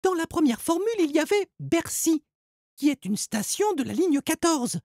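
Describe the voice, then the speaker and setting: A man voicing a clever, level-headed young girl adventurer in a children's audio story, reasoning things out quickly. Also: very high-pitched, very animated, gravelly, darkish tone, no room sound, clean studio sound, pitched above the performer's own voice, exaggerated voice. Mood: explaining.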